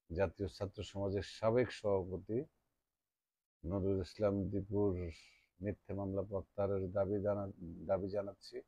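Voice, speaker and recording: A man's voice: sits low, mellow, dry recording, dull audio. A middle-aged man hosting a political live stream, reading out the names of viewers as they join and greeting them. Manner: reads out joining viewers' names, checks sound often.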